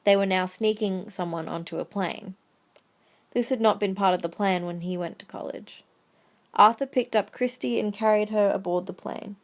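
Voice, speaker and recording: In a medium-pitched, slightly mellow voice, a woman acts as storyteller for an audio drama, reading scripted prose.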